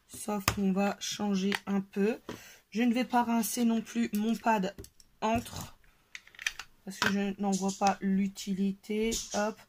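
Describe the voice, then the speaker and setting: A woman hosting a casual craft tutorial at her table, chatty and hesitant, with frequent fillers. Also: mid-range voice. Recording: noisy home recording.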